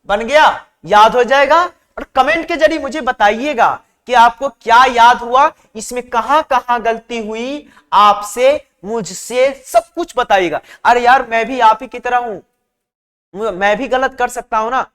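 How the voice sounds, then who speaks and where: A man's voice: very high-pitched, measured pace. Hindi-speaking man drilling vocabulary, reverberant. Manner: repetitive call-and-response drilling; warm and chatty with students. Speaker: vocabulary teacher. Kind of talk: exam-prep vocabulary lesson.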